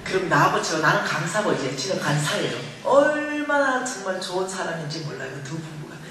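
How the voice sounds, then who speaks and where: A middle-aged woman speaking at a revival meeting, telling her story in an animated way and acting out the voices in it. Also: lowish voice, fairly quick, noisy background. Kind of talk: testimony sermon. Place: large church hall. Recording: echoey hall recording from far off.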